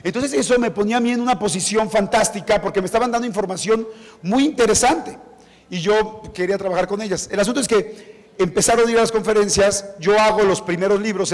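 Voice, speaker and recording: Middle-aged man, author at a book launch, lively storyteller who mimics the people he quotes, fairly high voice, reverberant hall. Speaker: author presenting his book. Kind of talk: anecdotal talk at a book presentation. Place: event hall before an audience.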